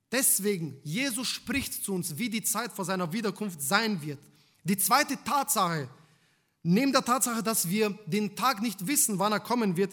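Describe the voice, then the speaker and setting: A high-pitched man preaches a sermon, directing rhetorical questions at the congregation. He swings between loud emphasis and hushed lines.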